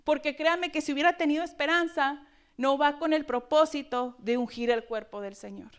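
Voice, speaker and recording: High-voiced woman preaching expressively. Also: moderate pace. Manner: expressive, dramatic rhetorical questions. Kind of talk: sermon.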